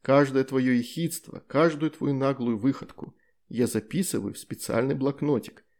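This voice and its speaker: A man voicing a dry, ironic bearded wizard husband who speaks calmly, in an audiobook story. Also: mid-range voice, moderate pace, lightly acted. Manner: calm, ironic.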